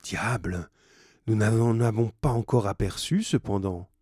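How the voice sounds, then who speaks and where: A worried, gruff ship captain, as a man reads him aloud, with a low, husky voice and slow, weighed speech. An audiobook reading, close and dry. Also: darkish tone, dry recording. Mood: doubtful.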